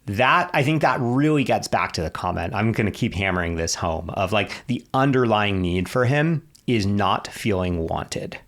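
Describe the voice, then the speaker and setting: A man's voice: on the low side, expressive, normal speed, few pauses, a bit bright. A man in his thirties co-hosting a podcast, thinking aloud with frequent restarts and hedging fillers. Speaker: podcast co-host. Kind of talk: conversational podcast commentary.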